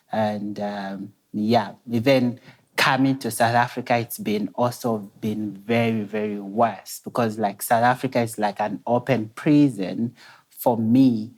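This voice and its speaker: A young man, a guest telling his personal story softly and hesitantly at a dinner table, with many pauses. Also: on the low side. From Zambia. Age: 20s. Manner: soft-spoken, hesitant, many pauses and restarts. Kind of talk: personal story in a talk show. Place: indoor dining room set at a table.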